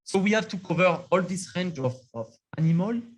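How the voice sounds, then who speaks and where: A man's voice: high voice, lively intonation, fairly quick, slight background noise. A man presenting a science talk on a video call, speaking hesitantly with many fillers while his sound keeps cutting in and out as if through a loose cable, too far from his computer mic. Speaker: microscopy facility scientist presenting.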